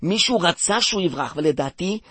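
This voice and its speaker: A man playing a bumbling, stammering man who cracks silly puns while trying to smooth things over in a comic radio play. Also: high-pitched, lively intonation, sharp tone, no room sound, heavily acted. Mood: pleading coaxing.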